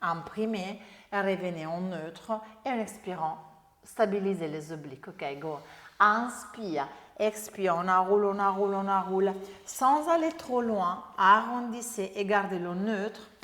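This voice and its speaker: A woman instructor leading a Pilates workout, upbeat, giving brisk exercise and breathing cues. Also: medium pitch, fairly bright tone. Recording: echoey room with long reverb.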